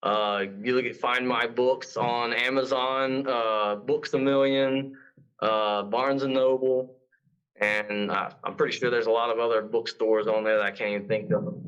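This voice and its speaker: A man's voice: medium pitch, steady tone, measured pace, fairly bright tone, smooth, dull audio. A man from Mississippi, an author guest, speaking casually and hesitantly, with many uh's. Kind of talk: casual podcast interview.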